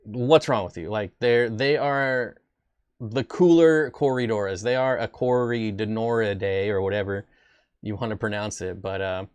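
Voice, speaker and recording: Speaking at a moderate pace, the same kind of fish-keeping stream host has a lowish, darkish, smooth voice with no room sound. He chats casually and wanders off into self-deprecating jokes.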